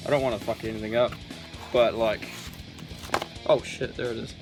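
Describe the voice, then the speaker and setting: A young man filming a casual unboxing vlog, excitable and swearing a lot, with loud bursts of delight. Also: medium pitch, normal speed. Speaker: vlogger. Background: music.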